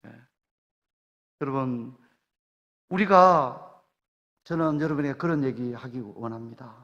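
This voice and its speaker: A high, bright-toned man with a Gyeongsang accent preaches a revival sermon with fervent force, his voice rising to loud exclamations. His voice rings through a church hall with a long reverb tail. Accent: Gyeongsang Korean. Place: church sanctuary.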